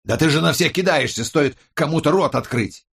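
A man voicing an anxious, irritable male investigator in an audiobook, raised in pitch and agitated. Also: normal speed, gravelly, a bit bright, slightly rough, exaggerated voice. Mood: reproachful. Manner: reproachful, agitated. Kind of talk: audiobook character voice.

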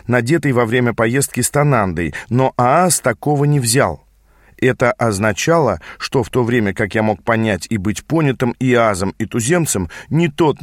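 A man reading a story aloud as audiobook narrator, in a measured, even manner. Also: mid-range voice, dry recording, studio quality. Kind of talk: scripted narration.

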